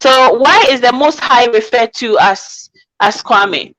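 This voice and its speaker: A woman hosting a call-in radio chat over a phone line that keeps breaking up. She talks haltingly, repeating her words as she checks whether she can be heard. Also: on the high side, fairly bright tone. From Ghana. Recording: dull, patchy phone line.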